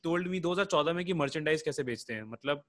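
Indian guy talking super fast, slightly high voice, hindi english mix, slangy rapper telling stories in an interview. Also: fairly bright tone. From Lucknow, India. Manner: mixes Hindi and English mid-sentence. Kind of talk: casual conversational interview.

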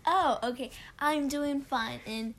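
A woman playing a prim, high-voiced talk host. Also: slow pace, rough recording. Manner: prim and fussy, correcting her guest. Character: prim, fussy female talk show hostess. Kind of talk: improvised comedy interview.

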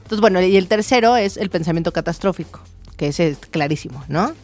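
A woman talks through ideas as a co-host, leaning on everyday examples. She restarts her sentences often and fills pauses as she thinks. Soft music plays faintly under her voice. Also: lowish voice, animated. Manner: explains with examples, many fillers and restarts. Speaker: therapist co-host. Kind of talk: casual explanatory chat.

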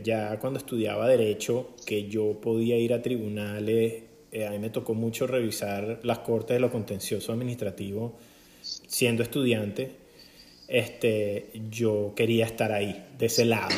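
A man's voice: medium pitch, reverberant. A man from Venezuela hosting a casual podcast chat, jovial and playful with a self-mocking streak. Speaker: podcast host.

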